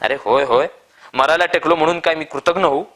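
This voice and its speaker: A man voicing a stubborn, fierce old male farmer who shouts back in trembling defiance. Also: mid-range voice, moderate pace, natural voice. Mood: defiant.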